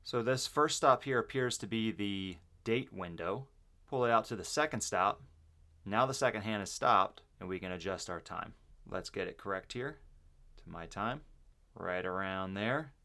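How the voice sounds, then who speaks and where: A man's voice: fairly low pitch, pushed and bright. A man casually unboxing and reviewing a watch, chatty and enthusiastic, thinking aloud with fillers.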